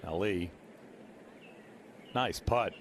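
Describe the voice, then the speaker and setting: A man's voice: low voice, drawn-out words, slight background noise. A man commentating on golf in short live broadcast remarks.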